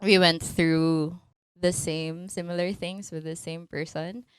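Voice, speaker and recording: A slow, unhurried Filipina woman in her twenties with a Filipino accent hosts a casual podcast chat. Her voice sits a little low and sounds smooth and clear. The recording is close and dry, and she laughs easily and switches languages mid-sentence. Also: little pitch movement, no room sound. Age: 20s. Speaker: podcast host.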